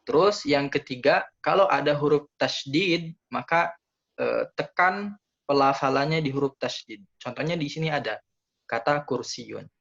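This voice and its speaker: A man's voice: fairly high pitch, moderate pace, fairly bright tone, muffled recording. A man from Indonesia teaching an online Arabic lesson, explaining pronunciation rules with frequent fillers and drilling each word twice.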